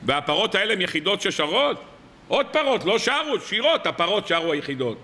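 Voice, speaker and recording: A man preaching as a rabbi, telling stories and firing rhetorical questions at his listeners. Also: high voice. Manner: lively storytelling with rhetorical questions. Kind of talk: weekly sermon.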